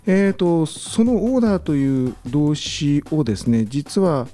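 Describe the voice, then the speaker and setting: A man lecturing on business in a radio talk, relaxed and full of fillers, slowing down to sound out examples. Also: on the high side. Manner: relaxed, many fillers, slow careful English examples. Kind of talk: radio lesson chat.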